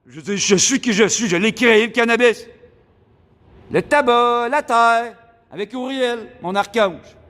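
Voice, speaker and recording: A man's voice: very high voice, a little slow, a bit bright. A man with a Québécois French accent, rambling preachily and grandiosely in a street vlog monologue recorded outdoors downtown. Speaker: vlogger.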